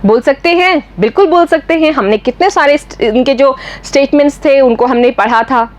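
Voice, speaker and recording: A woman's voice: high-pitched, normal speed, lo-fi sound. A woman with an Indian English accent teaching a school lesson, explaining each point in English and repeating it in Hindi with questions to her pupils.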